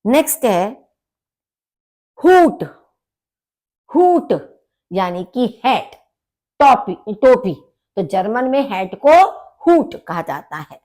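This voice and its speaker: A woman's voice: medium pitch, lively intonation, darkish tone. A woman teaching a vocabulary lesson, saying each word twice with emphasis before explaining it. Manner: repeats each word slowly, stressing it. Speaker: language teacher.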